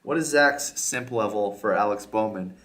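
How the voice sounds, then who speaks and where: A man's voice: on the low side, normal speed, a bit bright. Man hosting a casual podcast. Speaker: podcast host. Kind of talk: casual podcast chat, reading listener questions.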